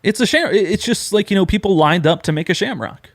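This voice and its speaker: A young man from upstate New York co-hosting a podcast, telling rambling, animated stories in casual chat. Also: sits high, fast. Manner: animated storyteller, rambling with restarts. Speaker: podcast co-host.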